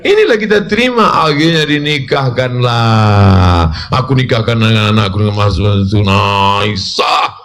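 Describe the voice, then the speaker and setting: A man preaching a lively, humorous sermon at a public gathering. He teases the listeners, asks them to agree, and shouts out his punchlines. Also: on the low side, a little slow. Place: public religious gathering with officials.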